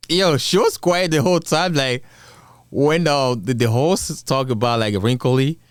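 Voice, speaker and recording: A man's voice: mid-range voice, a little slow, clear, resonant tone, no room sound, studio quality. A man hosting a drama channel, giving casual, blunt, slangy reaction commentary with repeated rhetorical questions.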